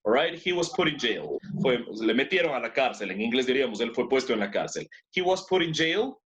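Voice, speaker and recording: A man's voice: mid-range voice, very animated, normal speed, a bit bright, a little hiss or hum. A man teaching an English class in two languages, who repeats words and keeps praising his students. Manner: switches between two languages to explain.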